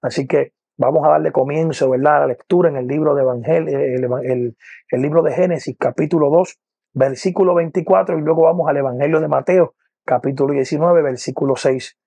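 Puerto Rican evangelist, 40s, earnest testimony, gravelly voice, dry close sound. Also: male voice, fairly high pitch, fairly quick, mellow, dry recording. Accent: Puerto Rican Spanish. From Puerto Rico. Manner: earnest, repeats "poderoso el nombre de Jesús", many "eh" and "¿verdad?". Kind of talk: personal testimony to camera. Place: indoor room with lamp, seated. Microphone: lapel mic.

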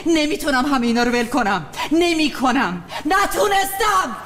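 Fed up actress wife fighting back, really high voice, roomy echo. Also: female voice, big pitch swings, a bit bright, a little hiss or hum. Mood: bitter. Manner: fierce, emotional arguing. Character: defiant actress wife, adult woman.

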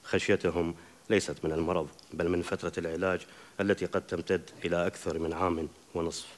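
Brief: deep male author voice, rapid and steady literary reading, live on a theatre stage. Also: slight background noise. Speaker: author reading his work. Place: theatre stage before an audience.

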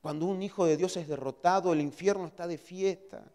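A male pastor preaching a sermon, swinging from loud exhortation to hushed asides. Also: high-pitched, steady tone, fairly quick, big-room sound. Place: church hall.

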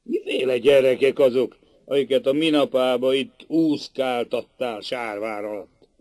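A man voicing a gruff, greedy middle-aged castle captain who speaks bluntly. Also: mid-range voice, darkish tone, no echo, close to an everyday voice. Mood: scheming.

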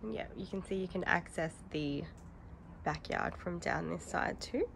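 A woman's voice: fairly low pitch, normal speed, vocal fry, slight background noise. A woman on a house tour, casually chiming in with agreeing remarks. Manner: chimes in with short agreeing remarks. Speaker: co-presenter. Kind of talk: casual chat.

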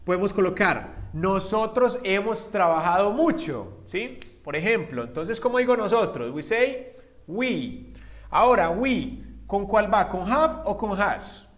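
A man's voice: high-pitched, animated, measured pace. A man teaching a casual English grammar lesson, chatty and full of rhetorical questions to his students.

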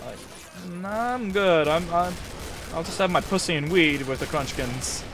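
Playing a shooter at home, a young commentator speaks at a fairly high pitch with expressive delivery and a moderate pace. He swears, rambles, and chats with his viewers into a desk mic in a small room during a casual let's-play.

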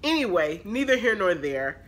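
A woman's voice: mid-range voice, very animated, moderate pace. A woman talking through a casual, rambling shopping haul vlog, stuffed up with allergies and sounding nasal. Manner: rambling, filler-heavy talk. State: congested with allergies. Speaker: haul vlogger.

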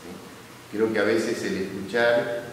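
A man in his fifties with an Argentine Spanish accent, a permanent deacon speaking calmly and reflectively to the camera. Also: fairly low pitch, slow pace. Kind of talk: spoken testimony to camera. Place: small indoor room with yellow walls. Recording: echoey room, distant mic, noise.

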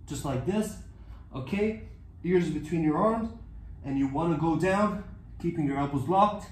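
Recorded by a camera on the floor of a tiled, echoey room with faint ambience and slight background noise, this fitness coach sounds on the high side and a little mellow. He's in his twenties, casual, upbeat and direct with his home workout cues, frequently asking "okay?" or "all right?".

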